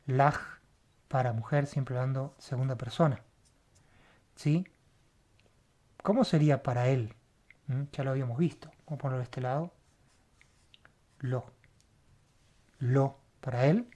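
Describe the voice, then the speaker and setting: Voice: medium pitch, a little mellow. A Hebrew teacher gives a word-by-word lesson, spelling out letters, repeating sounds and checking in with a questioning "right?" after each step. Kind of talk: word-by-word Bible language lesson.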